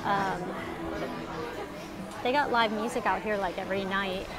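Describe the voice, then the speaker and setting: A woman's voice: mid-range voice, measured pace, over a noisy crowd. A woman giving a casual, rambling live walking tour of a waterfront village at night, filmed on her phone as she walks and often correcting herself. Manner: chatty, rambling, self-correcting. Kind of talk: casual live-stream narration. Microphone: phone held while walking. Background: loud music from bars and live bands.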